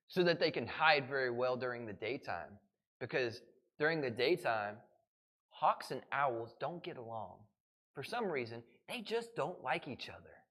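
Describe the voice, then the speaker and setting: A man's voice: mid-range voice, big pitch swings, a little slow, fairly bright tone. A falconer gives a live talk to a family audience in a library room, asking the crowd question after question. His voice swings up and down a lot, and he keeps it playful. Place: indoor library event room.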